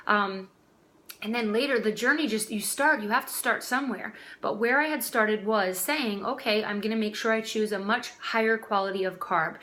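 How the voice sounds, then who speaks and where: A woman's voice: mid-range voice, normal speed, a bit bright. A woman in her twenties, a health coach, talking casually and directly to viewers from her dining room. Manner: chatty, direct, addresses viewers as guys. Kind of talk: casual vlog talk.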